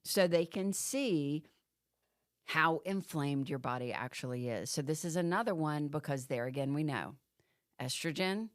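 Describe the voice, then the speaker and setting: A woman's voice: low-pitched, animated, normal speed, no room sound, studio quality. A middle-aged woman co-hosting a podcast, explaining things in an earnest, sympathetic way. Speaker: podcast co-host. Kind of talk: casual podcast chat.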